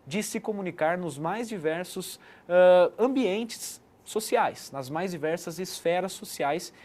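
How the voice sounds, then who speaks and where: A man's voice: sits high, animated, slow, a little mellow. A man giving an explanatory online lesson as a teacher, checking in with the listener often. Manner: didactic, frequent "né" tag questions.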